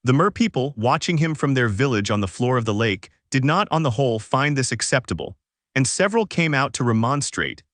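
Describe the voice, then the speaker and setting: A man giving a measured, scripted story narration with deliberate pauses. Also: medium pitch, animated, fairly bright tone, no echo, studio quality.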